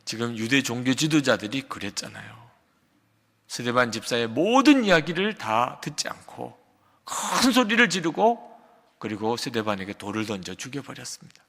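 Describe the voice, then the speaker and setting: A man's voice: big pitch swings, moderate pace, creaky. Older man preaching in a reverberant church. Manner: dynamic preaching, swings from loud emphatic peaks to quiet low asides; acts out a shouting quarrel in quotes. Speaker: pastor. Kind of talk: sermon. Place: large church sanctuary. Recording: long hall reverb of a church sanctuary.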